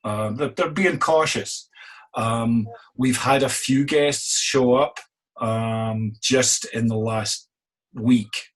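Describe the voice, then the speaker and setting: A man's voice: medium pitch, takes it slowly. A middle-aged man with a Scottish accent, an innkeeper answering interview questions in a wry, self-deprecating way. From Scotland.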